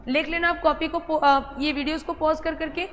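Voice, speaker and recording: A woman's voice: high voice, fairly even intonation, normal speed, a bit bright. A woman teaching a biology class, who repeats key terms, quizzes her students and fondly calls them child. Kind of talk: classroom lecture at a board. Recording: hall reverb with faint ambient noise.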